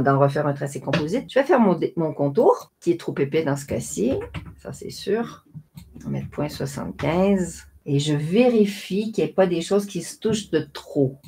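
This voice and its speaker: Low husky Québécoise tutorial host. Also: female voice, warm tone. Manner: chatty step-by-step explaining while working. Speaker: craft software tutorial host. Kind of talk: screen-recorded tutorial narration.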